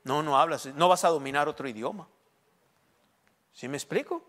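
A man preaching a sermon in a conversational way, often asking listeners if they understand and slowing down to stress key words. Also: fairly high pitch, fairly bright tone. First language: Spanish. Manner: conversational preaching, frequent check-ins with listeners; emphatic, slows down on key words. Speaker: pastor.

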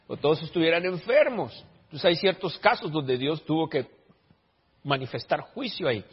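A man preaching a sermon as pastor, stammering through restarts and then rising to emphatic, drawn-out lines. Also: fairly high pitch, breathy edge. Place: church. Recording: dull lo-fi sound with long hall reverb.

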